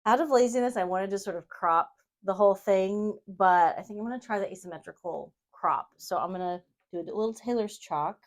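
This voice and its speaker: A woman's voice: medium pitch, brisk. A woman hosting a crafting video, chatting casually and rambling in a self-deprecating, giggly way as she works. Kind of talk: casual brainstorming chat while sewing.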